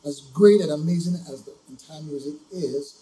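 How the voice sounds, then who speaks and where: A man's voice: a little high, moderate pace, reverberant, crowd noise, rough recording. A man co-hosting a vocal reaction show, earnestly explaining music production in casual chat. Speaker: music coach co-host.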